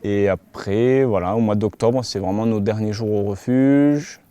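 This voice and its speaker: A man's voice: lowish voice, unhurried, clear, resonant tone. A man who keeps a mountain hut, speaking casually in an interview with many small hesitations. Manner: relaxed, hesitant with frequent fillers.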